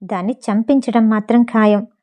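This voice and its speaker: A woman's voice: fairly high pitch, steady tone, moderate pace, mellow, lightly acted. A woman voicing a jealous, scheming young wife who sounds bitter and commanding.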